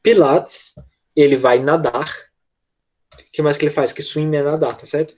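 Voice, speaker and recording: A man with a Brazilian accent teaching an English class online, patiently walking pupils through repetition and often checking in with quick tag questions. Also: on the high side, steady tone, darkish tone, lo-fi sound.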